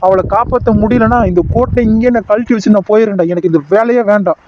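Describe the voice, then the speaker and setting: A calm cartoon doctor reassures and gives quick, firm instructions, voiced by a man. His pitch is still fairly high though lowered, and the audio is muffled. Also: a little hiss or hum, natural voice. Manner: soothing, giving brisk orders.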